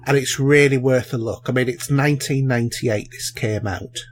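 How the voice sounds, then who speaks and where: A man's voice: medium pitch, moderate pace. A man, co-hosting a podcast and chatting casually about films and shows, with lots of fillers and restarts. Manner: rambling, many fillers and restarts. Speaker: podcast co-host.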